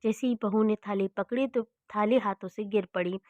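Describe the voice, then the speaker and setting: A woman narrating a family story in a slow, soft-spoken manner. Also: mid-range voice, fairly even intonation, dry recording, dull audio.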